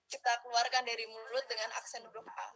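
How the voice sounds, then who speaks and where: A woman's voice: a little high, steady tone, quick pace, creaky, sharp tone, breathy edge, rough recording. A young woman giving a casual public speaking workshop, chatty with many fillers as she coaches breathing drills. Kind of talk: casual online workshop talk.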